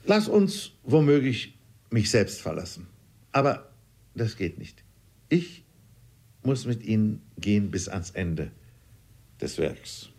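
A man narrating a classic novel as an audiobook reader, wry and lively. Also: lowish voice, takes it slowly, pauses often.

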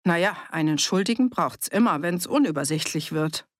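A woman reading a busy male innkeeper in a dry audiobook recording, voiced hurried and confiding. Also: on the low side, animated, dry recording, close to an everyday voice.

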